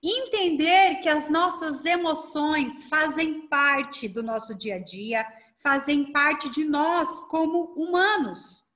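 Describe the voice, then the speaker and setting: A Brazilian woman coach giving a lively online workshop, talking fast and asking herself rhetorical questions over a video call. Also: high-pitched. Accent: Brazilian Portuguese. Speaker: coach and speaker leading a workshop.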